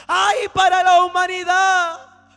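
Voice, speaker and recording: A man's voice: extremely high pitch, measured pace, pushed and bright, full character voice. A man preaching voices the Lord in a vision, crying out laments in a stern, grieving tone. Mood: lamenting. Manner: proclaiming laments in rising cries. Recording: reverberant hall with music behind.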